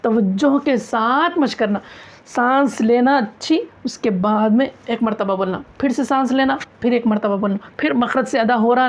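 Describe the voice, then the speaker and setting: A woman teaching a recitation class, asking questions, answering them herself and repeating key phrases. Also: on the high side. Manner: demonstrates sounds aloud, loud and drawn out. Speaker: tajweed teacher. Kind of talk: classroom lesson on Quran recitation. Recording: dull lo-fi classroom recording.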